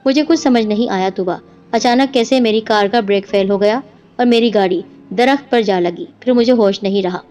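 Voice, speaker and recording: A woman voicing a worried young husband who speaks calmly and soothingly. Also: medium pitch, lightly acted. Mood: uneasy. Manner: calm, soothing. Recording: dull lo-fi with music behind.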